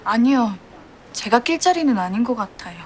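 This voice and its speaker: An actress playing an earnest, lovelorn young woman in a TV drama, polite and emotionally expressive. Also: a little high, normal speed, natural voice. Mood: polite, grateful. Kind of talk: Korean TV drama acting. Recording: music behind the voice.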